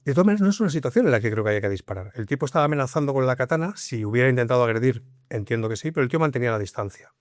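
A man's voice: mid-range voice, very fast, few pauses. A middle-aged man tells a story from his police work, slipping into the voices of the people in it. His voice sits in a middle register. The sound is close and dry, with no room echo. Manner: animated, acts out dialogue in his tale. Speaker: police officer telling a story. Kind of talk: conversational storytelling.

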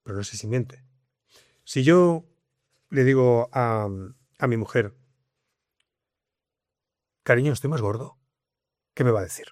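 A man explains things in a lively, conversational way, often repeating his point. He speaks at a middling pitch into a dry, close microphone with no room sound. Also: a little slow, pauses often, no echo. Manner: explanatory, lively, leans on repetition. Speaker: guest, communication coach. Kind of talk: conversational interview.

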